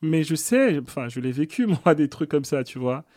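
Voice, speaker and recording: A man's voice: on the high side, big pitch swings, moderate pace, a little mellow, dry recording. Earnest guy from benin explaining stuff on a podcast, dry close mic. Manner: earnest, explanatory, frequent restarts. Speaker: podcast guest. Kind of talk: casual interview conversation.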